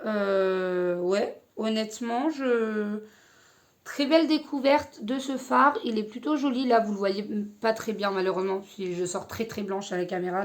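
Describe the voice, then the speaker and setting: A young woman casually reviewing an eyeshadow palette, hesitant with many fillers. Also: on the high side. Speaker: beauty vlogger.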